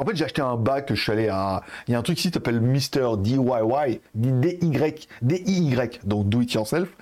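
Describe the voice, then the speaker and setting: A man's voice: medium pitch, a little mellow. A man streaming live, chatting casually, laughing often and reading viewer comments aloud. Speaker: Twitch streamer.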